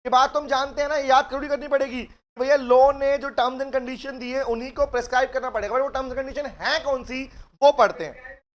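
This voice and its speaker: A man's voice: extremely high pitch, steady tone, moderate pace. A man giving a live online law lecture, coaxing his students with questions and mixing English phrases into Hindi. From India. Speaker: law teacher.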